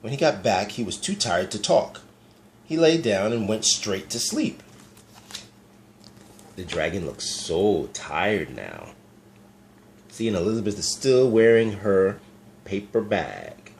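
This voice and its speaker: A man reading a picture book aloud to young children in a low, gentle voice. He talks in a relaxed, chatty way and stops often to point things out in the pictures. A faint hiss sits behind him. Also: takes it slowly, gravelly, long pauses. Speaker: storyteller.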